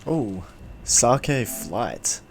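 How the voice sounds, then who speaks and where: A man's voice: medium pitch, sing-song, very slow, slight background noise. A man with a broad New Zealand accent casually reacting to a video game in a laid-back, slangy way. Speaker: gamer. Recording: game music behind the voice. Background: video game music.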